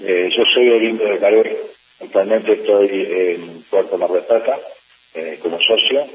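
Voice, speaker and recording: A middle-aged man, a district governor of a service club, answering press questions in a measured way with frequent hesitations. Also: on the low side. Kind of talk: press interview. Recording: distant mic with faint hiss.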